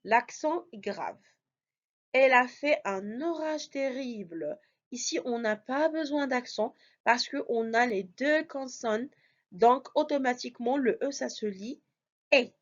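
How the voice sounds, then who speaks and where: A woman's voice: on the high side, dull audio. A woman teaching a spelling lesson, patient and methodical, explaining step by step. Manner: slow, patient, explains step by step with frequent "alors" and "d'accord". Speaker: French teacher.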